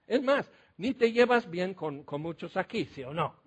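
Animated Mexican preacher, high voice. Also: male voice, moderate pace, breathy edge. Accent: Mexican Spanish. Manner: animated storytelling, asks the congregation questions. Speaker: pastor. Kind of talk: lively sermon with anecdotes. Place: church.

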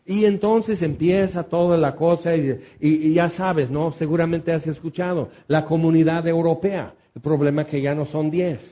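Male preacher, conversational Bible teacher, warm mellow tone, lo-fi recording. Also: on the high side, steady tone, normal speed, few pauses. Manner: conversational, asides with "¿ok?" and "créeme".

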